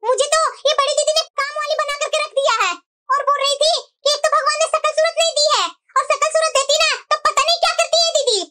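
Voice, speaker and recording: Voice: very high voice, fast, pushed and bright. A voice actor playing a tattling young sister-in-law in a cartoon, chatty and conspiratorial. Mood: gossiping. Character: gossiping young sister-in-law, two-faced busybody. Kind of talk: cartoon voice acting.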